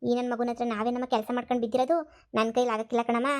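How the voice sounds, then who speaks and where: Woman doing a plotting young daughter, quick high voice. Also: level tone, a little mellow, natural voice. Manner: urging, plotting in a low voice. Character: scheming young maid's daughter. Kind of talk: cartoon comedy voice acting.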